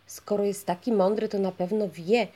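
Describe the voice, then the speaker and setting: Woman voicing a loud, eager fisherman. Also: mid-range voice, fairly even intonation, moderate pace, natural voice. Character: simple, blunt male fisherman, humble later.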